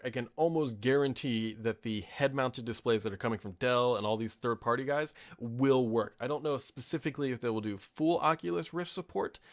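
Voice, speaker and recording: Fielding listener questions on his tech podcast, an American man in his thirties talks in a loose, opinionated, rambling way, all off the cuff. He has a medium-pitched, fairly bright voice.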